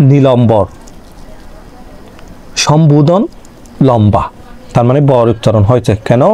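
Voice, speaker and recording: Mellow-voiced man teaching a grammar lesson. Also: mid-range voice. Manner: explains step by step, asks and answers his own questions. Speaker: online tutor. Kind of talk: exam-prep grammar lesson.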